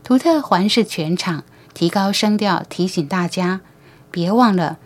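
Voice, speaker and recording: A woman narrates an audiobook story at a steady, measured pace. Her reading is even and scripted, keeping a plain storytelling flow. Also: medium pitch.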